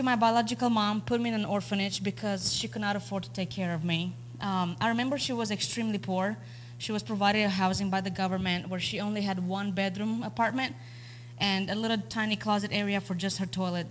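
A woman's voice: mid-range voice, steady tone, brisk, fairly bright tone, slight background noise. A young woman from Romania with a Romanian accent, giving a personal testimony as a guest speaker, earnest and storytelling with frequent ums.

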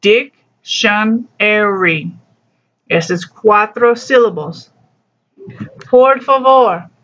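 Slow, patient teacher on a dull recording. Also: medium pitch, a bit bright. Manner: slow, patient explanations mixing broken Spanish with English. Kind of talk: recorded class lesson walking through a textbook.

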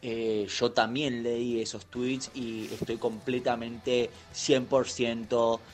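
A man's voice: mid-range voice, flat delivery, slow pace, faint music behind, natural voice. A man with an Argentine accent playing a posh young rich guy in a voice message, drawling and dropping English slang. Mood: chummy. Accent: Argentine Spanish. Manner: drawling slang-heavy chatter with English words.

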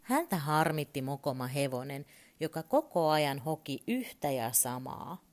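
A woman with a low voice reads a children's story aloud. She reads at a calm, steady pace and with plenty of expression.

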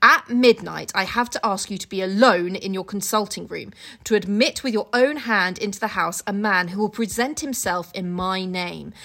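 With a mid-range, slightly bright voice, this young podcast co-host retells books through casual chat and comic readings. She's irreverent, giggly and sweary throughout.

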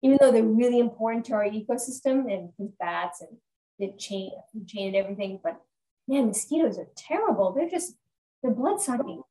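A woman co-hosting a casual podcast chat about a film, talking in an animated, chatty way. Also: a little high, fairly quick, low-quality recording. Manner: chatty, animated, laughs often. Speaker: podcast co-host. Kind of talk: casual movie discussion.

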